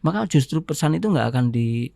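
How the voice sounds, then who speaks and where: A man with an Indonesian accent, a podcast guest talking in a measured way and often pausing with fillers as he searches for words. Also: a little high, expressive, gravelly, darkish tone, no echo, studio quality. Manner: measured, fills pauses with "apa namanya". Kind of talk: casual interview talk.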